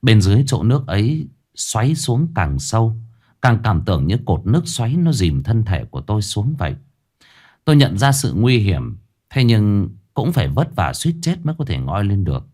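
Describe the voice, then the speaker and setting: A man narrating a ghost story in a tense, expressive storytelling manner. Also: fairly low pitch, moderate pace.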